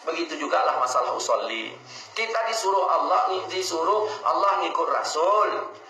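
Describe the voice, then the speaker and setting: A man's voice: a little high, normal speed. A man preaching to listeners, telling a story and acting out its voices. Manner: lively, acts out voices in anecdotes. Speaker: religious preacher. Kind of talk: sermon with storytelling. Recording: echoey room, mic far off, faint noise.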